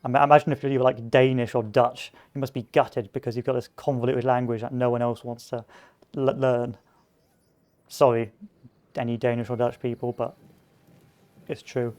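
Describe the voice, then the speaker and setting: A man's voice: medium pitch, level tone, normal speed, a little mellow. Chatty man rambling over gameplay. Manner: rambling, chatty, wanders onto tangents with many fillers. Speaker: gameplay commentator. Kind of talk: casual let's-play commentary.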